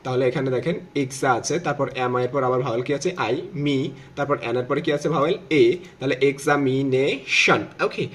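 A man's voice: medium pitch, a little fast. A man teaching an English lesson on video, explaining step by step, quizzing viewers and stretching words out syllable by syllable.

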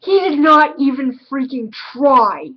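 A woman's voice: high-pitched, expressive, slow pace, highs cut off. A woman giving a casual film review, blunt and emphatic, repeating words for stress.

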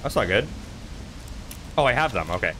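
A man giving casual let's-play commentary while gaming, expressive and freely cursing. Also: on the low side, normal speed, a little hiss or hum. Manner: expressive, profane, excitable. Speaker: gaming streamer.

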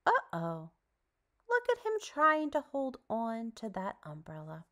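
Reading to young children, this storytime host uses a high, fairly bright voice with huge pitch swings in a sing-song, exaggerated style. She takes it slowly and pronounces each phrase clearly for a preschool audience.

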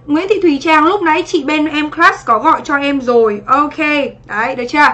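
This English teacher, a woman, runs an exam review over livestream, greeting people by name and casually checking after each point that they've understood. Her voice sits high, moves a little fast and has a fairly bright tone.

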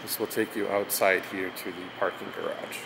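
A man narrating a casual walking tour as he moves through a casino, relaxed, with fillers and loose phrasing. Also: sits low, normal speed, heavy background noise. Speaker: tour guide vlogger. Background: loud casino music.

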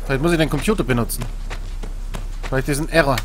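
A man's voice: medium pitch, fast talker, a little hiss or hum. A man commentating nervously on a horror game he is playing, a scared and jumpy streamer talking to himself. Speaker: gamer, let's player.

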